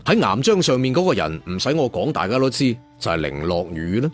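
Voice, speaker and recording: Over a music bed, an audiobook storyteller with a Hong Kong Cantonese accent narrates dramatically and colloquially, chatting to listeners with rhetorical asides. His medium-pitched voice is sing-song and brisk.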